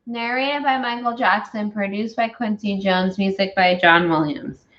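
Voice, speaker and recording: A woman's voice: mid-range voice, moderate pace, a bit bright, lo-fi sound. A woman chatting casually as she hosts a movie review, tipsy, giggly and rambling.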